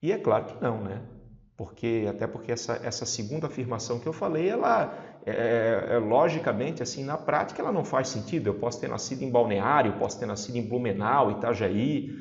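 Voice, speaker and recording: A man with a southern Brazilian accent gives an informal exam-prep lesson in a mid-range voice that is a little fast, with lively intonation and vocal fry. He is chatty and didactic and keeps checking that listeners are following. The room has an echo and the sound is slightly dull.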